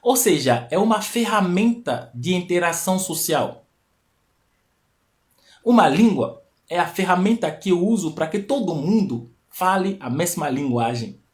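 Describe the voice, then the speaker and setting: Unhurried and lively in intonation, a man with a high-sitting voice teaches during a live stream talk he hosts over a stream mic. He explains patiently, repeats key phrases, and hits rising emphatic peaks; his first language is not Portuguese.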